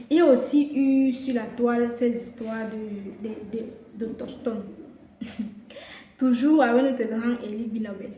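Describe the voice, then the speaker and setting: A woman's voice: a little high, mellow. Young Cameroonian woman talking in an echoey room. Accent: Cameroonian French. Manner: earnest, repeats and restarts words when searching. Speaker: social media content creator. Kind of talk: casual commentary to viewers. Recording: roomy echo, faint background noise.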